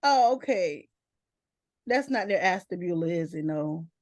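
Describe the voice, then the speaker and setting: A woman's voice: lowish voice, animated, measured pace, a little mellow, dry recording, clean studio sound. A woman from South Carolina hosting an interview, chatty and familiar, teasing her guest in a friendly way. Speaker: interviewer, magazine host. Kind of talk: casual interview chat.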